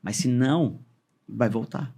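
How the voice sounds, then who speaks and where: A man of ordinary pitch talks as a guest on a podcast, explaining hypnosis and therapy in loose, conversational terms. He circles back and rephrases often, with plenty of filler words along the way. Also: unhurried, vocal fry, mellow, husky. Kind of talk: casual podcast chat.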